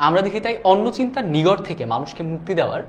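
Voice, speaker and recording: A man's voice: sits high, big pitch swings, very fast, slight background noise. A young man teaching a live online class. He talks casually, reads viewer comments aloud and keeps checking whether students follow. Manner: casual and chatty, often asks "do you understand?".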